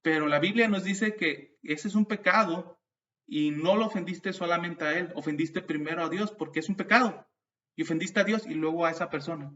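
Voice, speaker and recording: A man's voice: a little high, normal speed. A man preaching a sermon, telling stories and turning to the congregation with asides. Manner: storytelling, animated, with restarts and asides to the congregation. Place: church. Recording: distant, dull mic sound.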